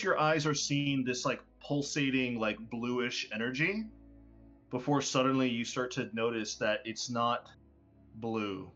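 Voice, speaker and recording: A man's voice: mid-range voice, a bit bright. Man, game master narration, hesitant fillers, lo-fi voice call. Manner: descriptive, hesitant with many fillers. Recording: lo-fi online voice call.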